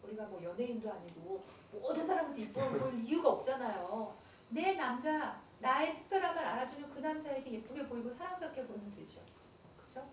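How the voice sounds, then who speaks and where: Animated middle-aged woman lecturing in an echoey hall. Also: high voice, brisk. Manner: animated, playful and confiding. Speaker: pastor's wife giving a camp lecture. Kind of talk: church camp lecture on dating. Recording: echoey hall, far mic, noisy.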